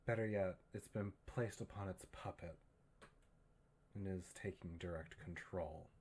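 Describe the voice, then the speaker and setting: A man narrating a tabletop horror game as game master, in a measured, suspenseful way. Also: sits low, a little mellow, husky.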